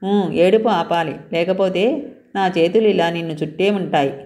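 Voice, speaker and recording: A woman voicing a bold, teasing young man on the run in a read-aloud story, mocking at times and softly coaxing at others. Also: fairly low pitch, normal speed, natural voice.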